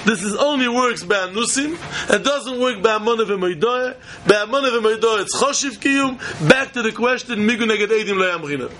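A man's voice: high-pitched, bright, forceful tone, a little hiss or hum. A man with a Yiddish accent teaching Talmud in a repetitive, questioning, argumentative way. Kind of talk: religious study lecture.

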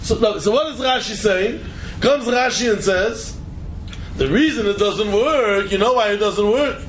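High-voiced man, religious teacher, rhetorical questions, emphatic repetition, slight room noise behind. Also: measured pace, low-quality recording. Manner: animated rhetorical questioning, repeats phrases for emphasis. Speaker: Talmud teacher. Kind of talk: informal Talmud lecture, question and answer.

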